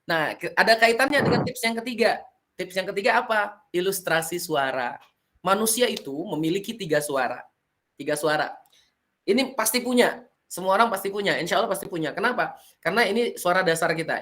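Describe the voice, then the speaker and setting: A man giving a lively storytelling workshop to students at a school, often breaking into character voices and sound effects to show his tips. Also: sits high, brisk. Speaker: storytelling trainer. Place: school event.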